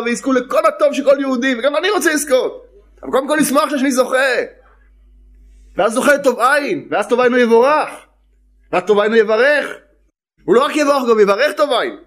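A man's voice: very high-pitched, a bit bright. A male preacher giving a religious sermon with parables, repeating phrases emphatically and imitating sounds. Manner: repetitive, emphatic, uses sound effects.

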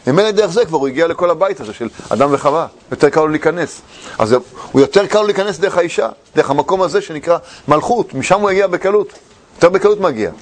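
A man delivering a religious lecture, his voice sitting fairly high and swinging widely in pitch. He talks with a storyteller's animation and slips into the voices of a quarrelling husband and wife. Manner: animated, acts out arguing couples. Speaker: rabbi giving a lecture. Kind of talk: religious lecture with acted quotes.

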